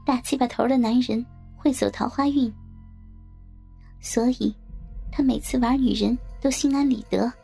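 High breathy woman reading a dirty story softly, mellow tone, little music behind. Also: fairly even intonation. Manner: slow, soft, intimate storytelling. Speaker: narrator. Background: faint music.

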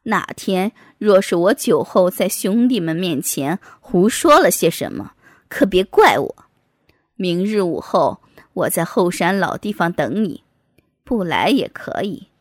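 Sneering, vindictive hunchbacked man in an audiobook, deep and menacing, put on by a woman narrator. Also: big pitch swings, slow pace, darkish tone, no echo, clean studio sound, full character voice. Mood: threatening. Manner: low, taunting, threatening.

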